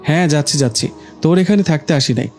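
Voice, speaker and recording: A man's voice: a little high, fast talker, darkish tone, faint music behind, natural voice. A man voicing a cheeky younger sister who teases her brother, in a storybook reading. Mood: teasing. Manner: cheeky, teasing.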